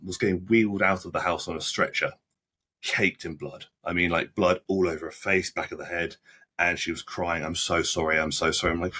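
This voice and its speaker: A low, husky-voiced young man tells his story to a podcast host. His tone is bright and pointed, and his speech is halting and full of restarts. He is blunt and uses casual slang. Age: 20s. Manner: halting, frequent restarts and repeated words; blunt, plain-spoken with British slang. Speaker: podcast guest.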